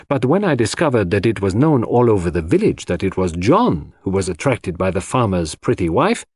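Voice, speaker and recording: In a mystery audiobook, a male narrator plays a shrewd foreign detective who lectures with great self-assurance, sprinkling in French phrases. His husky, somewhat low and mellow voice leaps up and down theatrically as he patiently lays out his reasoning, in a dry recording.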